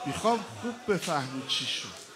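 A man preaching a mourning sermon, moving from hushed storytelling to loud wailing shouts and chanted lines. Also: fairly high pitch, very animated, slight background noise.

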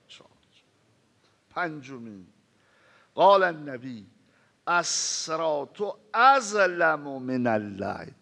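Dramatic preacher man, loud then hushed. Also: sits high, gravelly. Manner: recites Arabic scripture in a slow chanting cadence, then explains it. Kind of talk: sermon.

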